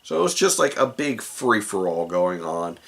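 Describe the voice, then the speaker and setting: A man's voice: fairly low pitch, sing-song, normal speed, creaky, fairly bright tone. A man recounting a tabletop game session as the dungeon master, rambling with many asides. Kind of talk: casual tabletop game recap.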